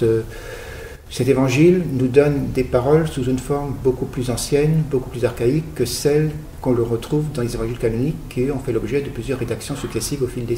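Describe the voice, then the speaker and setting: A middle-aged man from Guadeloupe, an author interviewed on radio, speaking in a measured, explanatory way with occasional hesitations. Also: medium pitch, warm tone, roomy sound, a little hiss or hum. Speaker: author guest.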